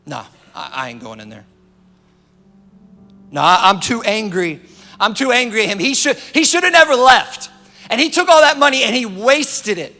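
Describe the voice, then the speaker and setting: A man's voice: very high-pitched, sing-song, normal speed, pushed and bright, big-room sound, soft background music, pitched above the performer's own voice, full character voice. A man voicing a resentful grown son who complains like a sulky child, acted out in a sermon. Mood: sulking. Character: resentful grown older son, whiny and petulant.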